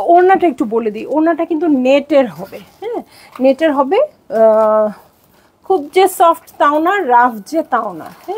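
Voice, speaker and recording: Pitching dresses during a live stream, a young woman from Bangladesh talks with a Bangladeshi Bengali accent in a high-pitched, darkish voice with a breathy edge. She's chatty and bubbly as an online clothing seller, frequently dropping in English words.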